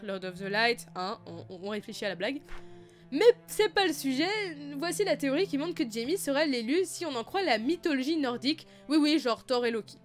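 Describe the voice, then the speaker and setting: A young woman vlogger talking casually about fan theories, playful and self-mocking, her voice slightly hoarse. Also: high-pitched. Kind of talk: casual chatty video commentary.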